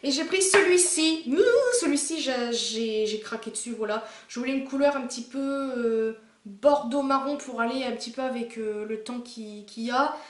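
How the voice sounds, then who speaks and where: A woman's voice: on the high side, steady tone, moderate pace, slight background noise. A young woman from France chatting casually through a makeup haul video, rambling with lots of fillers and restarts. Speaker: beauty vlogger. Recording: echoey room.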